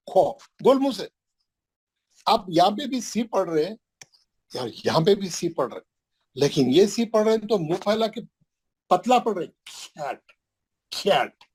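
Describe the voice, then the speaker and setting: A middle-aged man teaching Quran pronunciation in an online class, patiently repeating each sound slowly for his pupils. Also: high voice, a little mellow, husky, low-quality recording. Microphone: video call.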